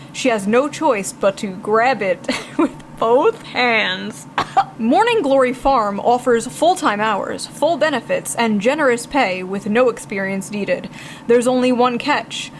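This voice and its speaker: A woman commentator with a fairly high voice delivers scripted lines. She is sarcastic and emphatic, over faint background noise. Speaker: video commentator.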